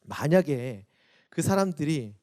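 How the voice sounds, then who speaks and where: A man, a youth pastor, preaching a Sunday sermon for an online service; he acts out quoted voices, rising loud and then dropping soft. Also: a little high, very animated, a little slow.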